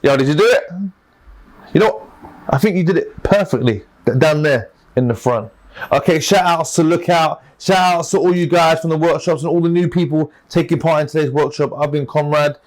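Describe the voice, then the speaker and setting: A man's voice: a little high, normal speed. Upbeat man teaching beatbox basics. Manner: upbeat, shouting out to young fans. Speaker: beatbox workshop leader. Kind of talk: leading a call-and-response beatbox lesson.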